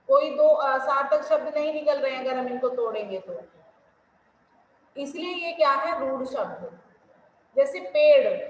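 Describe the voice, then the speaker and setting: A woman's voice: sits high, slight background noise. A woman teaching a Hindi grammar class online with a Delhi-region Hindi accent, explaining patiently and asking questions she then answers herself. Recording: echoey room, dull lo-fi sound.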